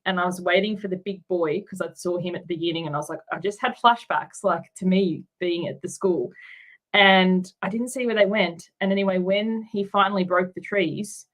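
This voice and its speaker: A middle-aged Australian woman with a slightly low voice talks candidly as an interview guest. She is reflective and open, and she often pauses with ums and likes. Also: fairly bright tone, poor audio. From Tasmania, Australia.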